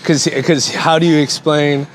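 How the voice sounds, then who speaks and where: A man's voice: a little high, little pitch movement, a little slow, a little hiss or hum. A young man in casual chat, joking, laughing often and restarting his sentences.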